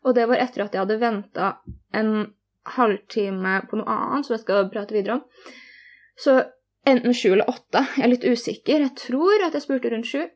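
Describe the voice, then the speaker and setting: A young woman telling a personal story in conversation, earnest and candid, retelling each exchange in detail. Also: fairly high pitch.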